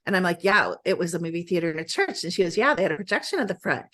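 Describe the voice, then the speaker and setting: A woman's voice: lowish voice, lively intonation, rapid-fire, sharp tone. A middle-aged woman talking as a podcast guest, gushing and rambling as she tells stories in a casual conversation. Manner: effusive, gushing, rambling storyteller.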